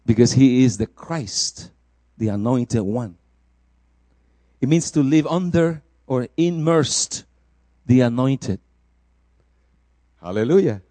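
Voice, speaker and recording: A man from El Salvador preaching a sermon, rising to loud exclamations and dropping soft for personal testimony. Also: mid-range voice, expressive, slow pace, long pauses, dry recording.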